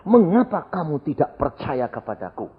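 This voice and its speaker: A Javanese-accented man voicing Jesus as a calm male figure who speaks softly and invites people to come. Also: a little high, husky, pitched above the performer's own voice, heavily acted. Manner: soft, measured, calling people near. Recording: dull lo-fi archive recording.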